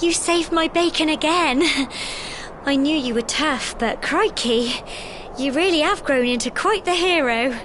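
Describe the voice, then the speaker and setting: A woman's voice: high voice, measured pace, noisy background. A woman voicing a cheerful young village woman companion in a game, with a plucky way of talking. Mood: scolding, proud. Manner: plucky, fond of mild exclamations. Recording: game audio with loud music. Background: loud game music.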